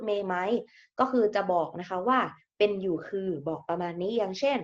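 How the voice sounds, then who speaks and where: A woman's voice: medium pitch, dull audio. A woman teacher giving a recorded grammar lesson, explaining English terms and often repeating words.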